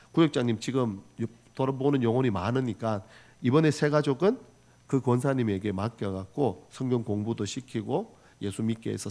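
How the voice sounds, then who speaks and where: A male pastor from the region preaching a sermon, earnest and storytelling, moving from loud exhortation to soft asides. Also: medium pitch. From Gyeongsang region, Korea. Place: church sanctuary.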